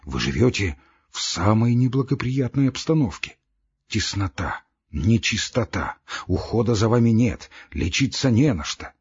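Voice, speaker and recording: A man voicing an older male postmaster, a sentimental and fussy friend, who speaks tenderly and coaxingly in a husky voice. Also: lowish voice, sing-song, measured pace, highs cut off, heavily acted. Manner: tender and coaxing to his friend, barking at staff.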